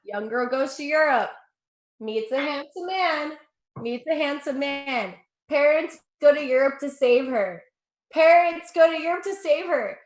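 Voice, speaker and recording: A young woman from Russia who speaks with an American accent performs a chatty, profane stand-up set, laughing at her own jokes. Her voice is high and unhurried, and the sound is reverberant.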